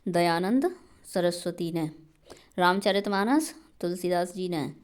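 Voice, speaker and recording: A woman's voice: on the low side, slow. A woman teaching an exam prep grammar lesson, explaining patiently step by step and checking in often.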